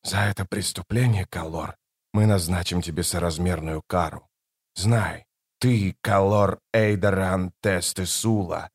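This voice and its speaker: A man voicing a solemn elder god who speaks in low, heavy pronouncements, in an audiobook. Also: dry recording, studio quality.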